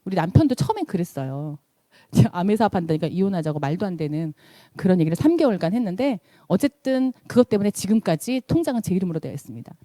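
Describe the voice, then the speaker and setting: A woman's voice: very animated, quick pace, mellow, no echo. A middle-aged woman from South Korea, an invited seminar speaker, tells a story in a motivational speech and acts out the quotes. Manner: storytelling, acts out quotes with big swings in pitch.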